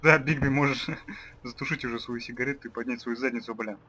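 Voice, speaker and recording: A man's voice: mid-range voice, fairly even intonation, fast talker, pushed and bright, slight background noise. A man who is a native Russian speaker, giving casual, irreverent and slangy commentary as he plays a game. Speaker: gamer.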